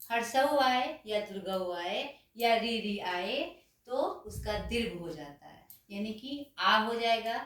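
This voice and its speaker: A woman teaching a grammar lesson to children, speaking slowly and patiently, asking questions and answering them herself. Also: a little high, a bit bright. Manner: slow, patient, calls the students children. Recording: very echoey room, voice far from the mic.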